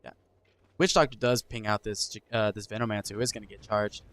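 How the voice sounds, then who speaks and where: A man's voice: on the low side, steady tone, quick pace, background noise. A man giving casual play-by-play esports commentary, thinking aloud, hedging and correcting himself as he goes. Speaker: esports caster.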